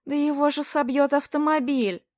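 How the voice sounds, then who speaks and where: A woman voicing an anxious adult wife who scolds her husband in a shrill, reproachful tone. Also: normal speed, darkish tone, no echo, clean studio sound, lightly acted. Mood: alarmed.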